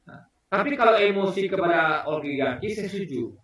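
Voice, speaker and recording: A man with a high voice talks straight to his viewers in a loose, emphatic commentary, throwing out rhetorical questions. He sounds distant from the mic, and the room rings with heavy echo. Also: lively intonation, fairly quick, fairly bright tone. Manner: emphatic, rhetorical questions, keeps addressing the audience. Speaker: political commentator. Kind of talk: casual spoken commentary to viewers. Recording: very echoey room, voice far from the mic.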